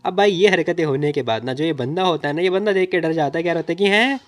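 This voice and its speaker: A man's voice: on the high side, fast talker. A man retelling a comic story in a chatty, informal way, often addressing the listener as brother. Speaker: comic recap narrator. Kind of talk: casual story recap narration. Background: faint music.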